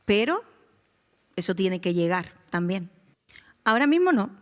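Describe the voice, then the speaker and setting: A woman's voice: mid-range voice, very animated, unhurried, long reverb tail. A female singer being interviewed, telling stories in an emphatic, theatrical way.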